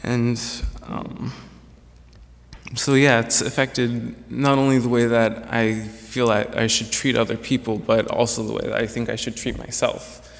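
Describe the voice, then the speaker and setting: A young man, a graduating student, delivers a prepared speech to an audience in an earnest, reflective manner, restarting a few times. His mid-range voice is level, a little slow, and shows vocal fry. The echoey hall adds long reverb.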